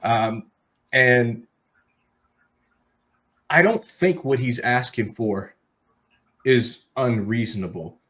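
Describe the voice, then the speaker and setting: A man's voice: medium pitch, slow pace, long pauses, a bit bright. Conversational man hosting a sports podcast. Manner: conversational, addresses listeners directly. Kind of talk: casual sports commentary chat.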